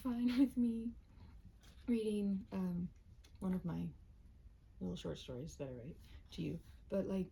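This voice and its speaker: This storyteller has a medium-pitched, gravelly, warm voice, and she addresses the listener one-to-one in a cozy, chatty roleplay, a little self-conscious, before reading her own short story. The recording is rough, with slight background noise.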